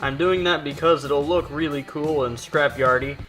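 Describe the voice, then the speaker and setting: A man's voice: a little high, normal speed, fairly bright tone, soft background music, poor audio. A man explaining a metal build in his workshop in a casual, chatty way, joking at his own expense. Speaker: maker and video host. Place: home workshop, not soundproof.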